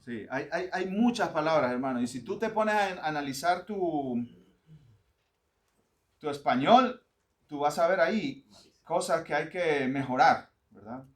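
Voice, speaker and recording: A middle-aged man from Honduras, a pastor giving a lively, joking teaching talk to church readers and acting out pronunciations. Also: a little high, unhurried.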